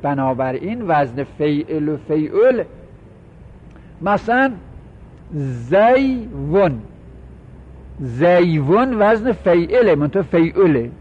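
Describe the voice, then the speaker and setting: Male grammar teacher, a touch higher pitch, slow drawn-out examples, self-questioning lecture style, dull lo-fi sound. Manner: drawls out example words slowly, poses and answers his own questions. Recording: dull lo-fi recording.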